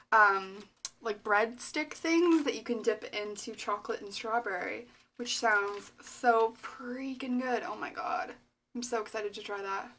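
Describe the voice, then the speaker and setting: A woman's voice: fairly high pitch, sharp tone, a little hiss or hum. Gushing young woman unboxing a package. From Canada. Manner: gushing, breathless, lots of likes and oh my gods. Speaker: vlogger. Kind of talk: excited unboxing vlog.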